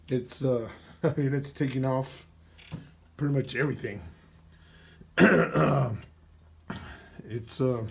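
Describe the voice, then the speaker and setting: Working beneath a vehicle with a phone camera in hand, a DIY car mechanic vlogger talks casually through a garage repair. His medium-pitched voice is hoarse and fading from a cold, and his rambling speech is full of fillers and throat clearing.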